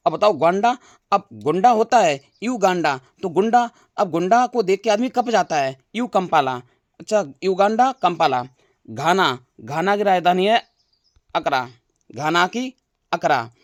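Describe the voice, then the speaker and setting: Male teacher, higher voice, close dry mic, drills facts with playful wordplay tricks. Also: no room sound. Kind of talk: exam-prep general knowledge lesson.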